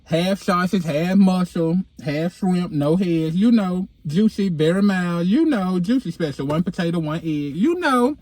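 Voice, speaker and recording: High-voiced man with a lisp, whistling s. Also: unhurried, few pauses, darkish tone, no room sound. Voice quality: lisp with whistling s from dental aligners. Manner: slangy, candid, sassy. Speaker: vlogger, podcast host. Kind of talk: casual chat to followers. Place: inside a car. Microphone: handheld phone.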